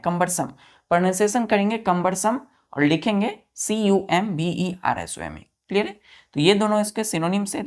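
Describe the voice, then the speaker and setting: A woman teacher giving a vocabulary lesson, spelling words letter by letter and asking her students questions that she answers herself. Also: mid-range voice. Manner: addresses students as children, asks and answers own questions.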